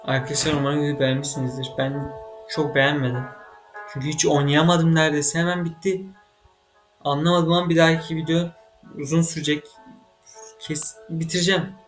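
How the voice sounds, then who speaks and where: Excitable man narrating his gameplay. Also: fairly high pitch, brisk, faint music behind. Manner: excitable, frustrated, swearing at the game. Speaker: gaming channel host. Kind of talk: let's-play commentary.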